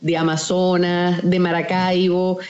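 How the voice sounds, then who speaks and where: A woman's voice: on the low side, flat delivery, a little slow, darkish tone, highs cut off. A Venezuelan woman, a sports journalist guest, telling her story in an interview with frequent fillers. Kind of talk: conversational interview.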